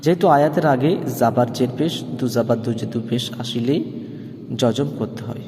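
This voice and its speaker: A man teaching Quran reading, spelling out syllables slowly and breaking into melodic chanted recitation. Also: mid-range voice, a little mellow, long reverb tail.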